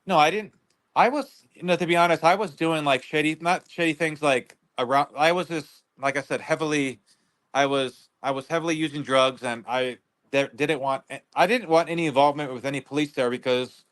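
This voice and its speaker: A man with a fairly high voice talks in a loose, rambling way. He stops and restarts often as he chats as a guest on a livestream. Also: a bit bright. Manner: rambling, halting, many restarts. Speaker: guest neighbor. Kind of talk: casual livestream interview.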